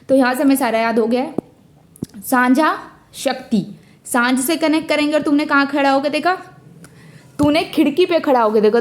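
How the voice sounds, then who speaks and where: A young woman teaching exam current affairs in a casual, chatty way, mixing English words into her talk and speaking straight to her students. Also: high-pitched. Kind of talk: casual lesson with memory tricks.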